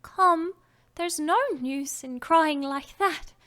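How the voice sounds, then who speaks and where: Woman doing young Alice, high and earnest. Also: takes it slowly, fairly bright tone. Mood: scolding. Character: curious little girl Alice, earnest and chatty.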